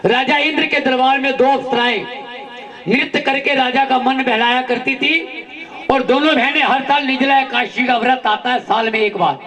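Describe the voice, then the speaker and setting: A man's voice: very high voice, fairly even intonation, normal speed, sharp tone, far from the mic. A man narrating a devotional story to devotees, calling out refrains to the gathering. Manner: addresses devotees, calls out refrains.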